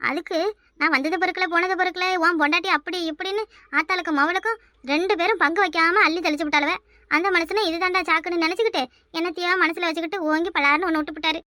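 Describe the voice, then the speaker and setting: A woman's voice: extremely high pitch, steady tone, quick pace, no echo, studio quality. A woman voicing a bitter, complaining young wife in a cartoon, speaking with a Kanyakumari Tamil accent. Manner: bitter, complaining, sharp-tongued. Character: hurt young wife, beaten by her husband. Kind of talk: cartoon voice acting.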